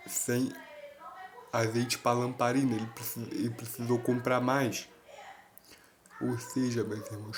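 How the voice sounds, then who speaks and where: A man's voice: mid-range voice, poor audio. A man preaching an earnest sermon to video viewers, constantly addressing his listeners as brothers. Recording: background noise.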